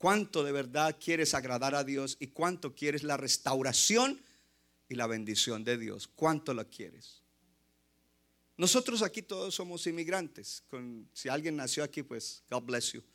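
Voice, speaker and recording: A man's voice: medium pitch, lively intonation, a little slow, a bit bright. Impassioned man preaching. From Colombia. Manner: impassioned, mixes in English phrases. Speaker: pastor. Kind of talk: sermon.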